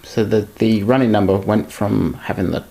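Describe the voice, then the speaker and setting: A man with a low, creaky, dark voice keeps a steady tone and normal speed as he unboxes model trains. He talks casually and rambles, correcting himself while handling the items.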